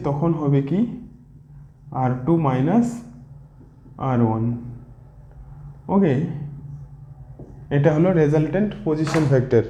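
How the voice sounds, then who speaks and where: A man's voice: a little high, warm tone, roomy sound, lo-fi sound. A man teaching physics with a Bengali accent, explaining step by step and asking questions that he answers himself. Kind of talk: classroom-style lecture at a board.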